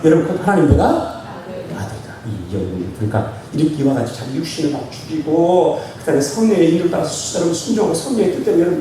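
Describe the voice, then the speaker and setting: A man's voice: high voice, slight background noise. A male pastor preaching a sermon, calling out to the congregation and drawing amen responses. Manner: animated preaching with call-and-response; addresses the congregation constantly. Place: church sanctuary. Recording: echoey church hall from far off.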